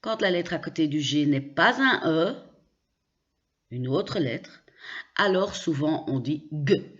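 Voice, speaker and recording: A woman's voice: deep voice, lively intonation, takes it slowly, fairly bright tone, highs cut off. A woman teaching French pronunciation, spelling out letters and carefully repeating example words. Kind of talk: slow pronunciation lesson.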